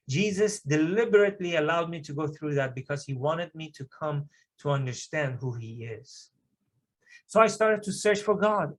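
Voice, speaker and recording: Speaking at a church service, a middle-aged man from Iran, a native Persian speaker, gives a heartfelt testimony with his voice pitched a little high. He builds emphatic surges into the telling of his story.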